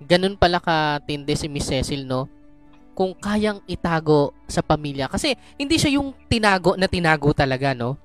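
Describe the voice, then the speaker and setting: A man's voice: fairly high pitch, expressive, normal speed, soft background music. A man hosting an interview, summing up the guest's story and asking follow-up questions. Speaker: interview host. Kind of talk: interview talk.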